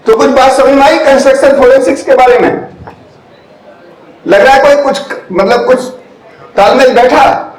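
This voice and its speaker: An older man from India giving a university lecture, who keeps asking the audience whether they follow and slips English phrases into his talk. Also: very high-pitched. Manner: keeps checking the audience follows, with rhetorical questions. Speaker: guest lecturer. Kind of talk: classroom lecture. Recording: echoey lecture hall.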